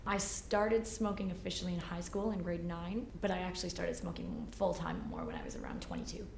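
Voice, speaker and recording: A woman in her late twenties with a lowish voice answers thoughtfully, pausing on fillers as she thinks. The room around her rings with a clear echo. A faint hiss of noise lies underneath. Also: lively intonation, a little mellow. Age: 20s. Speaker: interviewee. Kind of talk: candid interview answers. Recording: roomy echo.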